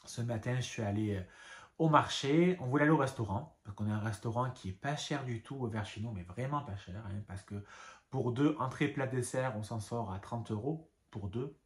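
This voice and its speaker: A man vlogs from home about his craft supplies in a casual, rambling way, full of fillers and little asides. His voice sits at an ordinary middle pitch. The room around him is noticeably echoey. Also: moderate pace. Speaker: craft vlogger. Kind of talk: casual show-and-tell vlog.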